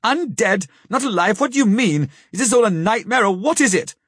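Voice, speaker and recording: A man's voice: on the high side, steady tone, a little fast, mellow, breathy edge, no room sound, clean studio sound. A man voicing a young nobleman who speaks with indignant, outraged passion in an audiobook. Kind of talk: audiobook character reading.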